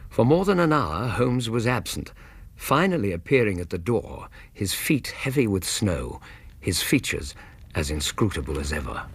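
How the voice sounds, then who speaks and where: Husky, low British gentleman storyteller, Doctor Watson. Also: sing-song, no echo, heavily acted. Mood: wry, reflective. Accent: British English. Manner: measured, wry storytelling. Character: genial, wry Victorian gentleman doctor recounting cases. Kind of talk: radio drama first-person narration.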